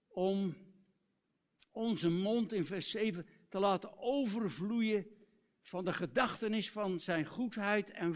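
A male preacher giving an earnest sermon, reciting hymn lyrics and dropping to soft, tender tones. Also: high-pitched.

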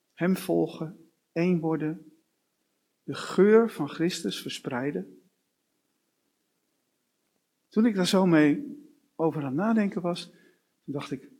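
A man's voice: on the high side, darkish tone, breathy edge. A man preaching a sermon, working through long runs of short rhetorical questions. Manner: slow, with repeated rhetorical questions.

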